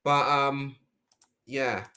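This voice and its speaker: A man hosting a casual podcast discussion, talking in animated rhetorical bursts. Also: medium pitch, extremely slow. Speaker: host.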